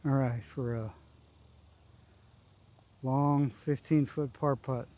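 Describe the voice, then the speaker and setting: A man giving casual, low-key golf commentary on his own round, talking through his shots in short, clipped phrases. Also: steady tone, takes it slowly, dark tone. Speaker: amateur golfer recording his own round. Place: outdoors on a golf course.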